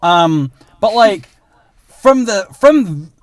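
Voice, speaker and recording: A man from Illinois co-hosting a film podcast, talking earnestly with lots of halting fillers and frequent laughs. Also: sits high, lively intonation, no room sound. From Illinois, USA. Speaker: podcast co-host. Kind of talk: casual film podcast chat.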